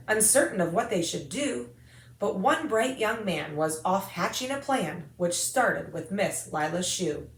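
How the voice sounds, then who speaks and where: American woman storyteller in an echoey room. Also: medium pitch. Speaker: storyteller reading a picture book to children. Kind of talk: expressive read-aloud of rhyming children's story.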